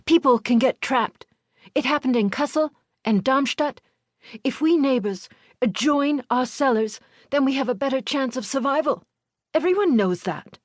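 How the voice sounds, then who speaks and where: A solemn ten-year-old boy in a storybook, explaining himself with firm, matter-of-fact insistence, as a woman narrator acts him out. His voice sits higher than hers and pushes a little louder. The sound is close and dry. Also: animated, normal speed, no room sound. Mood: insistent.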